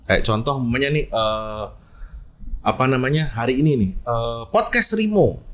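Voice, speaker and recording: A man's voice: mid-range voice, normal speed. A man with a Jakarta slang accent, an esports event host, telling stories in a casual podcast chat and acting out quoted lines. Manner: animated storyteller, acts out quoted lines.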